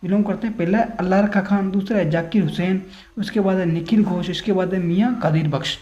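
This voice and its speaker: An unwell male tutor with a mellow, dark voice talks through exam questions, repeating phrases and stopping to apologize. He builds silly memory tricks as he goes. The recording is roomy and echoey, with a dull, lo-fi sound. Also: high voice, fairly even intonation, fairly quick. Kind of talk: casual Hindi exam-prep lesson.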